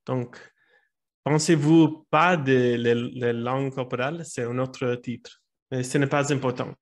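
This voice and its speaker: A man who grew up in the United States with Italian as his first language, telling a personal story in French with an American English accent, halting and often restarting his phrases. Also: medium pitch, fairly even intonation. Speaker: speaker at a language club meeting.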